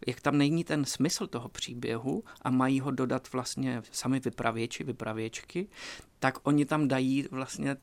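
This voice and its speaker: A man, an author and creative writing tutor, explaining his ideas in a radio studio interview, measured and hesitant with many fillers and restarts. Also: medium pitch, no room sound.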